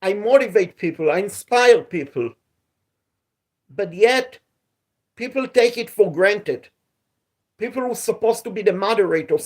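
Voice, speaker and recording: Outdoors at night near a pool, a man with a high, somewhat mellow voice hosts a live stream. His casual talk turns repetitive and aggrieved, taking on a lecturing tone.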